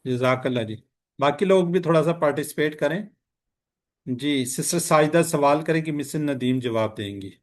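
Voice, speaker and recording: A man teaching an online class, patiently quizzing his students with repeated questions over a video call. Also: a little high. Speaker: Quran and Arabic grammar teacher.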